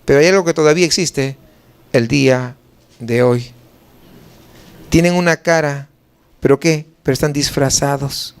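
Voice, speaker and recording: A man's voice: fairly high pitch, normal speed, long pauses, clean tone. A male pastor with a Mexican Spanish accent preaching a sermon, asking rhetorical questions and answering them himself.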